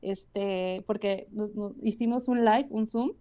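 Mexican woman just chatting, earnest, lots of fillers, soft warm voice. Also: mid-range voice, steady tone, slow pace. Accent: Mexican Spanish. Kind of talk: casual conversation.

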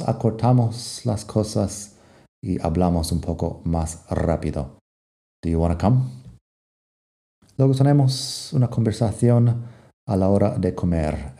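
A man's voice: deep voice, mellow. A man teaching English phrases, reading both sides of short example dialogues himself. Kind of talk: explaining English phrases to Spanish speakers.

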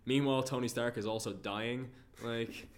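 A man's voice: mid-range voice, steady tone, moderate pace. A man co-hosting a casual film review chat, rambling and swearing freely. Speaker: podcast co-host.

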